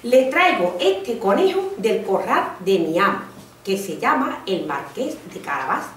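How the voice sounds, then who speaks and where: A woman voicing a clever, bold talking male cat in a read-aloud story, coaxing and deliberate. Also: mid-range voice, very animated, fairly bright tone, slight background noise. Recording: echoey room, mic far off.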